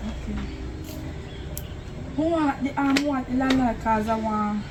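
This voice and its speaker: A woman with a Jamaican accent playing a loud, demanding newcomer looking for a room in a comedy drama, repeating herself insistently. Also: high-pitched, a little slow, noisy background. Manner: demanding, repetitive.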